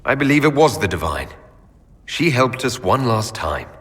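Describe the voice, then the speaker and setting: An actor playing a composed, supportive heroic leader in a video game, calm and direct. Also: male voice, medium pitch, normal speed, in a large hall. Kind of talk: video game cutscene acting.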